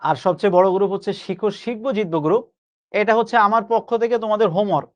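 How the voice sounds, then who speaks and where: A young man teaching an online grammar class, coaxing his students and repeating key phrases slowly for emphasis. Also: sits high. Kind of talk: live online class lecture.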